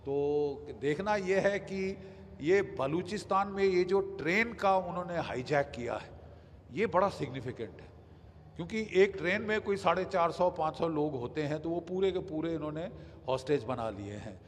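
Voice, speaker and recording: An older man giving emphatic news commentary as a defence expert, pausing with hesitations and mixing in English phrases. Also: a little high, lively intonation, long reverb tail, slight background noise.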